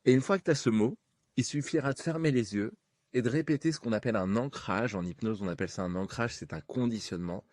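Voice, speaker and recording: A man's voice: medium pitch, quick pace, darkish tone, dry recording. A man working as a hypnosis coach, giving encouraging, informal step-by-step instructions and guided exercises straight to the listener. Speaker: hypnosis coach and video host.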